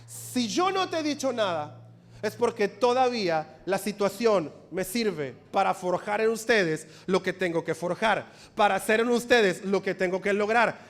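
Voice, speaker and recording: High-voiced preacher. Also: male voice, lively intonation, a little slow. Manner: emphatic, leads the congregation in repeating phrases; shifts between quiet prayerful talk and loud exhortation. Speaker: pastor. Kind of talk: sermon.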